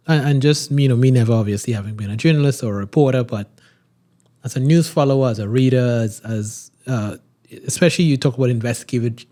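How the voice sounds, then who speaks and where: A man from Trinidad hosts a podcast interview in a mid-range voice. He asks long, rambling questions with plenty of pauses and fillers. Between his questions he keeps up a stream of short acknowledgements. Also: medium pitch, warm tone. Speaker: podcast host.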